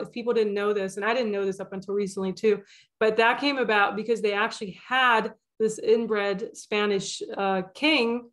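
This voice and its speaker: Young woman rambling on her channel, lots of ums and likes, middle pitch. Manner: rambling, many fillers and restarts. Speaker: spiritual channel host. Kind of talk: casual monologue.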